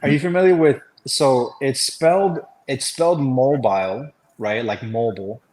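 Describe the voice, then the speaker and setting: A man's voice: a little high, expressive, normal speed, darkish tone, poor audio. Chatty man on a casual call. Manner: rambling, restarts, many fillers. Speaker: webinar host. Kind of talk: casual chat.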